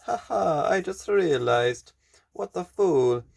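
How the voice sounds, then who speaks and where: A man talks over his gameplay in a loose, rambling way, often poking fun at himself. His voice sits a little high for a man, and the delivery stays casual and unscripted. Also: animated, slow pace, creaky, darkish tone. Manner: rambling, self-mocking. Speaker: gameplay commentator. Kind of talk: casual let's-play commentary.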